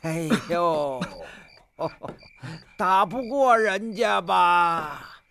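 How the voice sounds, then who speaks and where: A man's voice: high-pitched, lively intonation, very slow, gravelly, sharp tone, slight background noise, heavily acted. An actor in a period drama playing a sly, frail old man who groans and whines about his aches and begs for help. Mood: mocking, moaning. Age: older. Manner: groaning, whining, wheedling.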